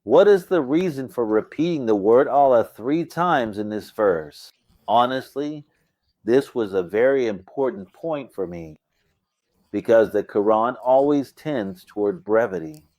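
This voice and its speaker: A man's voice: mid-range voice, expressive, measured pace, darkish tone, dry recording. Man explaining scripture, asking questions. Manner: explanatory, asks and answers his own questions. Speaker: Quran commentary teacher.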